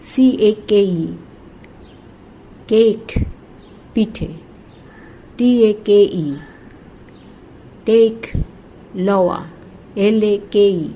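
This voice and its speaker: Very slow woman spelling words. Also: medium pitch, fairly even intonation, warm tone, a little hiss or hum, poor audio. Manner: spells each word letter by letter, then says it and gives its meaning. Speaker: English teacher reading a textbook aloud. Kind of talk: slow spelling and pronunciation drill.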